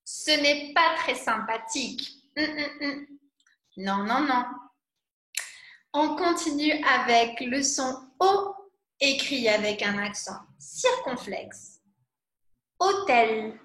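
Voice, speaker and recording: A woman teaching French pronunciation, repeating each word slowly with carefully exaggerated articulation. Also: sits high, bright, forceful tone, echoey room, poor audio.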